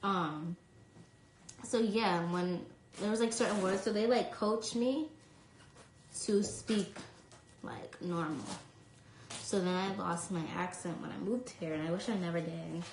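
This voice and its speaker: With a lowish voice at a measured pace, this New York woman answers fans' questions on a phone livestream after reading them aloud, her casual replies dotted with "um" and "like." The low-quality recording is reverberant with slight background noise.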